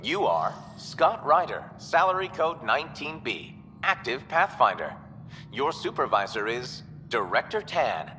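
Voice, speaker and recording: A man voicing a calm, informative male announcement system heard over a space station's public address speakers in a video game. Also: mid-range voice, unhurried, big-room sound, a little hiss or hum. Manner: even, formal announcer delivery.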